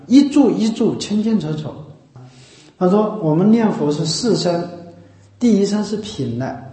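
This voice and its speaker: A man's voice: high voice, warm tone. A man teaching Buddhist chanting in a patient, explanatory spoken talk. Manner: patient, explanatory, slow, breaks into chanting demonstrations. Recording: echoey room.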